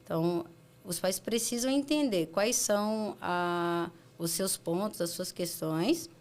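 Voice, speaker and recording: A woman pediatrician with a Brazilian accent, explaining calmly in a casual interview and acting out parents in quick asides. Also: lowish voice. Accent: Brazilian Portuguese. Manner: animated, acts out parents and children in quick asides. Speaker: pediatrician guest.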